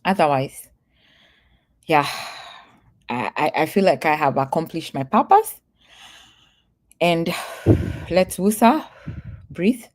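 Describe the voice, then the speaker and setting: A Kenyan vlogger talks casually to her livestream viewers, earnest and emphatic, repeating her warnings and laughing easily. Her low voice is expressive and slow, with frequent pauses.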